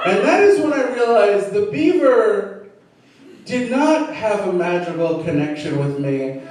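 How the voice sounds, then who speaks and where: A man doing a stand-up set, telling a story with lively acted-out voices. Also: high-pitched, unhurried. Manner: animated storytelling, acting out voices. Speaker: stand-up comedian. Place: comedy venue stage. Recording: echoey club from a distance.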